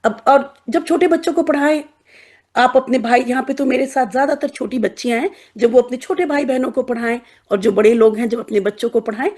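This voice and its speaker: A woman's voice: high voice, a little mellow. A woman teaching Quranic Arabic letters to a class of mostly young girls, explaining patiently with playful examples and frequent check-ins. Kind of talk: classroom lesson.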